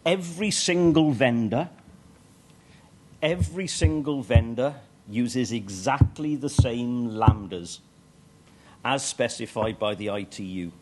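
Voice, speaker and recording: On stage in a conference hall, a middle-aged speaker presents technical material with dry wit, often filling gaps with um and uh. His medium-pitched voice is slow and a little mellow.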